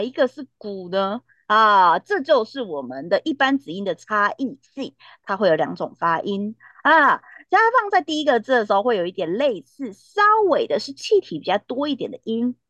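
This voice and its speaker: Lively woman teacher. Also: a little high, no echo, lo-fi sound. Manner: lively, with many checking tags like "哈" and "对不对". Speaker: Korean language teacher. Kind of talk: classroom lesson.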